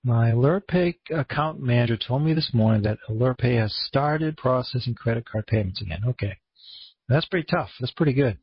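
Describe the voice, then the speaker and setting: A man with a Maine accent and a husky voice, hosting an online conference call in a casual, rambling, laid-back way. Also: mid-range voice, dry recording. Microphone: online conference room call. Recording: dull, muffled lo-fi audio.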